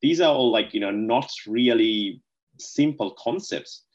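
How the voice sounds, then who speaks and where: A man's voice: mid-range voice, animated, a little slow, muffled recording. A man from Sri Lanka, chatting casually as an interview guest and rambling with lots of "like, you know".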